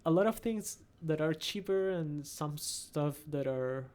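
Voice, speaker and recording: A Peruvian man with a Peruvian Spanish accent chats casually as a podcast guest, a travelling artist who searches for his words in English. His voice is fairly high, clear, resonant and a little mellow, and he speaks a little slowly.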